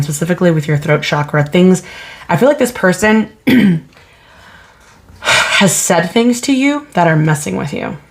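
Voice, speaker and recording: Casting: woman, low voice, casual tarot reader, chatty, slight background hiss. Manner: chatty, thinking aloud, asks spirit questions. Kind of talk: casual pick-a-card tarot reading.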